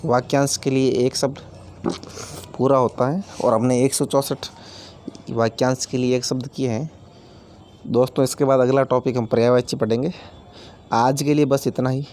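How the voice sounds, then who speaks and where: A man's voice: mid-range voice, level tone, moderate pace, long pauses, darkish tone, slight background noise. A man teaching a grammar lesson, explaining each word with everyday examples and repeating key terms, addressing viewers as friends.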